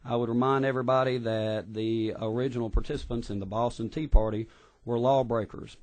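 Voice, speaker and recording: A man's voice: medium pitch, warm tone. A man giving earnest, impassioned testimony at a legislative hearing, often restarting his words. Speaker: public witness at a legislative hearing. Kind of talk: formal testimony. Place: hearing room.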